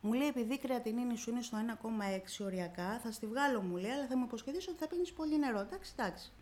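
A fairly high, darkish-toned woman's voice with lively intonation tells her own story as a guest on a radio interview. The telling is emotional and vivid, with dialogue acted out through constant "I say, she says."

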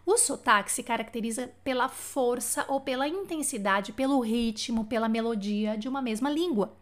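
Teaching French on a live stream, this Brazilian woman keeps things chatty and often checks in with her viewers using "tá?". She speaks at a normal speed in a fairly high voice.

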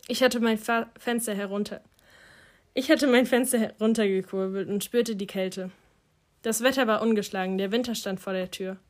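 A woman narrates an audiobook in a quiet, reflective voice of middle pitch. Her phrases trail off softly at their ends.

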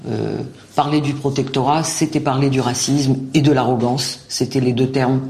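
A man speaks in a plain, measured way in a video clip. His voice carries a strong gravelly fry. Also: mid-range voice, steady tone, darkish tone. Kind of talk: personal testimony in a video clip.

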